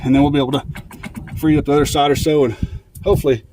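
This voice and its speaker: A man's voice: on the high side, steady tone, racing, mellow, slight background noise. A man giving casual working commentary while fixing an old truck. He is out of breath and rambles, with many fillers. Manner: rambling, filler-heavy, laid-back.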